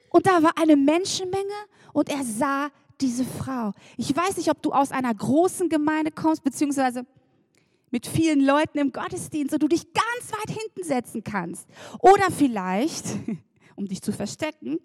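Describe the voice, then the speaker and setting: A high-voiced woman delivers a sermon in a lively, chatty way, turning often to speak directly to her listeners. Her voice sits dry and close, with hardly any room sound around it. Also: a little slow, dry recording. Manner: lively and chatty, laughs and addresses the congregation directly. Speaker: preacher.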